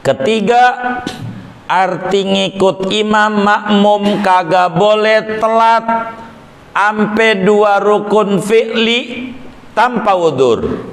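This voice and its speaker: A man teaching a weekly religious law lesson in a lively, joking way, acting out worshippers. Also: high-pitched, drawn-out words. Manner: lively, jokey, acts out worshippers. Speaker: Islamic teacher. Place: prayer room. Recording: echoey prayer room.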